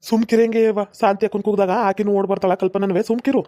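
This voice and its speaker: A woman's voice: mid-range voice, level tone, quick pace, warm tone, close to an everyday voice. Woman playing a brusque, defensive grown son. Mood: irritated. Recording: slightly dull lo-fi recording.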